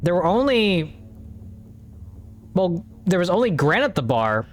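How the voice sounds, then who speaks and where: A man's voice: sits high, very animated, unhurried, faint music behind. A man streaming a story game, talking in a rambling, offhand way and swearing casually. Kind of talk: casual let's-play commentary.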